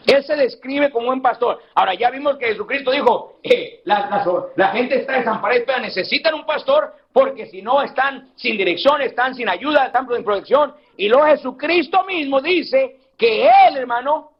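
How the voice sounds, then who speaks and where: A man's voice: very high voice, animated, normal speed, slightly rough. A man pastor preaching a sermon, calling his listeners "brother" over and over and asking them questions he answers himself. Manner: addresses listeners as "hermano" again and again; acts out quoted church members in a whining voice. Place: church. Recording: dull lo-fi recording.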